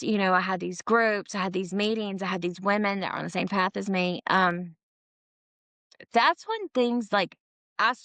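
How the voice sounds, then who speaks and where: A woman's voice: medium pitch, a bit bright, no echo. A woman in her forties, an interview guest, telling her own story in a frank, casual way, laughing often and swearing freely. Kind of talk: candid personal storytelling.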